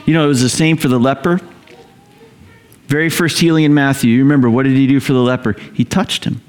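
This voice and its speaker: A man preaching a sermon, telling the story in a conversational, animated way, rising loud and high when excited and dropping low and quiet to reflect. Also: fast talker, clear, resonant tone. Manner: conversational fillers and repeated phrases. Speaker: pastor.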